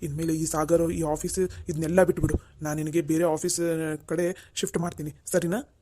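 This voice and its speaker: A man's voice: on the high side, little pitch movement, normal speed, background noise, lightly acted. A man voicing a wealthy, proud and stubborn middle-aged father in a cartoon, switching between indignant and pleading. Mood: reassuring. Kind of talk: Kannada cartoon voice acting.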